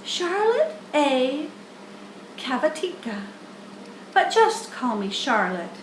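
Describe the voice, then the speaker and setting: A woman plays a tiny, composed lady spider in a children's storybook. Her voice is high and thin, measured and slow, with genteel candor. It rings in an echoey room. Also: very animated, slight background noise, full character voice. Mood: friendly. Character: Charlotte, pleasant, composed, matter-of-fact small female spider. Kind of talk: children's storybook character reading.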